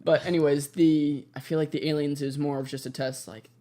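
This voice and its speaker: Deadpan male podcast co-host, slightly high. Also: a little fast. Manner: dry, deadpan humor. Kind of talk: casual chat.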